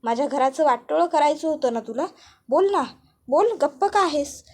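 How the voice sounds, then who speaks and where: A woman voicing a fierce older woman who loudly accuses a schemer. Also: high voice, animated, moderate pace. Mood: furious. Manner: loud accusing outbursts.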